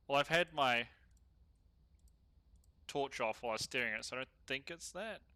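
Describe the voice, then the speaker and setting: A man doing casual solo gameplay commentary, chatty and slangy as he thinks out loud. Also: medium pitch, no echo. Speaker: gaming streamer.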